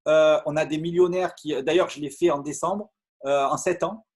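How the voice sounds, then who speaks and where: A middle-aged man from France, speaking in a somewhat high, husky voice. He tells his story to a crowd with eager energy, stumbling and repeating words as he goes. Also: moderate pace. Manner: lively, repeats words and stumbles, many fillers. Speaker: network marketing speaker. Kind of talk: animated storytelling talk to an audience.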